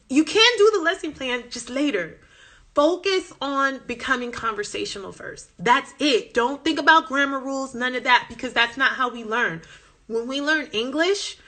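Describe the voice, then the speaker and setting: A woman who hosts a language-learning Instagram account speaks with a Southern American accent in a slightly high, pushed and bright voice. She chats passionately on a phone live stream, reading viewer comments as she goes.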